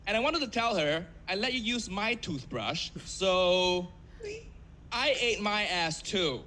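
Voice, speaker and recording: A young Malaysian man with a Malaysian English accent performs stand-up over a video call. His pitch swings widely as he tells stories deadpan and breaks into laughter at his own punchlines. A steady hiss of noise sits under the call audio. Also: slow. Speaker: stand-up comedian.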